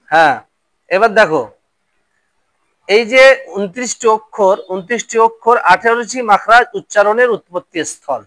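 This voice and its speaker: A man's voice: high-pitched, pushed and bright, no room sound. A male Quran reading teacher drilling Arabic letter sounds and quizzing pupils in a classroom lesson.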